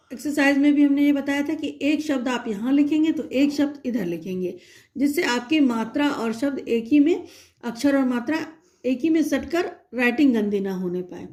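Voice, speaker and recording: A woman teacher giving a slow, patient recorded lesson to young children, spelling out letters and checking in often. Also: a little high, a little mellow.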